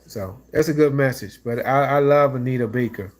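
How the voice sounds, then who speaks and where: A man's voice: medium pitch, normal speed. A man with a stuffy nose chatting loosely about songs and relationships, with many restarts and fillers. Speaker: music reaction vlogger. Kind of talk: casual reaction chat.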